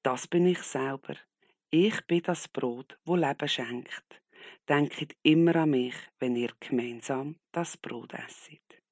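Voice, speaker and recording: Gentle solemn jesus done by a guy in a kids' bible story, slow and gravelly. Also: medium pitch, no echo, studio quality. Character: calm, gentle male teacher Jesus.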